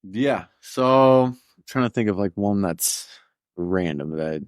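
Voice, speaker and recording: A man's voice: fairly low pitch, animated, unhurried, dry recording, clean studio sound. A man from Colorado as a podcast guest in casual chat, easygoing and slangy. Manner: easygoing, laughs often, slangy.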